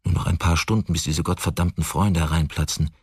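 A man's voice: sits low, fairly even intonation, brisk, breathy edge, dry recording, studio quality. A man in a radio drama voicing a frightened, obsessive man who whispers and then insists defiantly. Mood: tense defiant. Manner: hushed whispers turning defiant.

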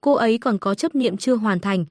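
A woman narrating a web novel audiobook with a steady storytelling delivery. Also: fairly high pitch, brisk, no echo, clean studio sound. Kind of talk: reading a web novel aloud.

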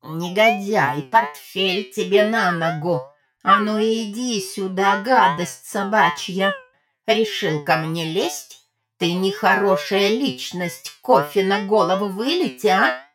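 Woman voicing a creaky metallic coffee machine. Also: medium pitch, animated, a crowd in the background. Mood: angry scolding. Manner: slow, drawn-out scolding full of odd insults. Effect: metallic, scraping machine voice. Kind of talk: audiobook character voice.

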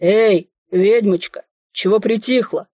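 A woman voicing an easygoing, slyly teasing village man in an audiobook, talking in an unhurried, folksy way. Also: mid-range voice, mellow, no echo, clean studio sound. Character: easygoing village man, hired helper, sly.

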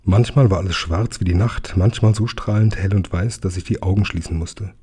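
Deep, husky man reading a story. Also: fairly quick, warm tone. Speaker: audiobook narrator. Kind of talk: audiobook reading.

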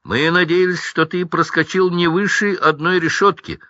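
A man's voice: mid-range voice, wildly swooping pitch, moderate pace, sharp tone, dry recording, dull audio, voice pushed up, full character voice. A man doing a flustered kindly wizard dad. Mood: relieved. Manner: breathless, relieved. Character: flustered kindly middle-aged wizard father.

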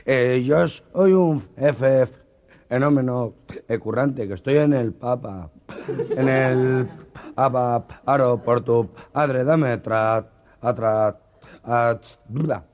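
A man's voice: mid-range voice, slow, a little hiss or hum, natural voice. A man voicing a stammering job seeker who gets stuck on every syllable, on a dull old cassette tape. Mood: pleading. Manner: heavy stutter, stuck on syllables. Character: stammering man looking for work.

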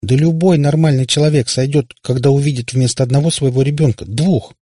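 A man's voice: medium pitch, a little fast, mellow, slightly rough, dry recording, voice pushed up, lightly acted. A male narrator voicing a frightened little girl who stammers and speaks on the verge of tears. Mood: anxious. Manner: timid, tearful, stammering.

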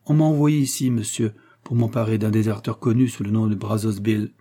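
A man voicing a steady frontier army scout in a read-aloud adventure story, speaking calmly and matter-of-factly. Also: lowish voice, a little fast, lightly acted. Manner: calm, matter-of-fact.

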